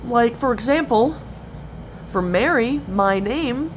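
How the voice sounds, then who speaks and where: A twenty-eight-year-old woman with a slightly high, animated voice opens up about stuttering in a video. Her speech is halting and broken into pieces, with an occasional stutter, and the cell phone recording is noisy.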